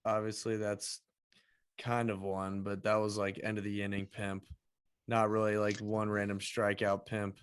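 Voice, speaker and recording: A man's voice: fairly low pitch, completely flat delivery, a little slow, clean tone, no room sound, clean studio sound. A man co-hosting a sports podcast in casual chat, laid-back and chuckling along. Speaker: podcast co-host.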